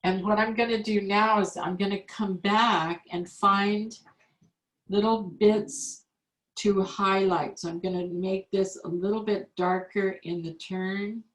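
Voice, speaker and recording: Demonstrating calligraphy to an online class, this woman walks through every step slowly and patiently. Her medium-pitched voice stays steady, picked up by a video call microphone in an echoey room.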